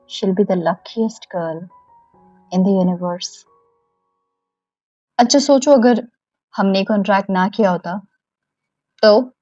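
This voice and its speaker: A woman's voice: no room sound, muffled recording. A woman voicing a proud, easily embarrassed young wife who scolds indignantly, in an amateur audio drama. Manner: indignant scolding, shrill shouts.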